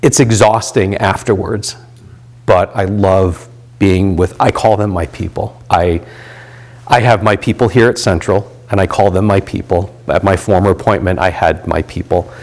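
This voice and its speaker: A man's voice: low-pitched, steady tone, moderate pace, a little mellow. A man in his fifties, a volunteer pastor, talking reflectively in an interview with many fillers and restarts. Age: 50s.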